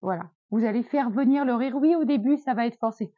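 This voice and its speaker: Soft encouraging lady coach, fairly high voice, kinda muffled recording. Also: no room sound. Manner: gentle, encouraging, many fillers. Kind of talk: self-help talk to camera.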